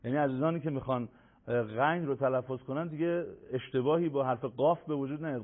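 Man teaching on a tinny line. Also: medium pitch. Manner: patient, explanatory, repeats letter sounds slowly. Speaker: Quran recitation teacher. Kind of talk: broadcast lesson.

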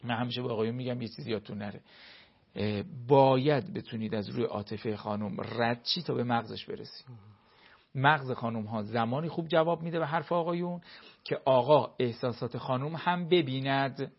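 A man's voice: medium pitch, lo-fi sound. A man, a cleric, giving earnest marriage advice in an explanatory talk full of everyday examples.

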